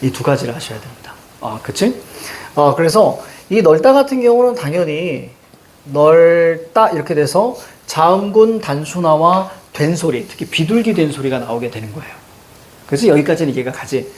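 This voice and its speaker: A man teaching a Korean grammar lesson, peppering his explanation with quick questions to the class. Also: fairly high pitch, a little hiss or hum. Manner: lively, rhetorical questions to students, frequent "자".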